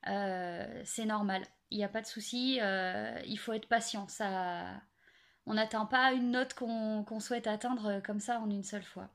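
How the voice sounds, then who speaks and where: A young woman explaining singing basics in a casual, hesitant way, full of pauses and fillers. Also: medium pitch, steady tone, creaky. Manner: hesitant, many fillers and restarts. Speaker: singing teacher. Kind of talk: casual spoken singing tips.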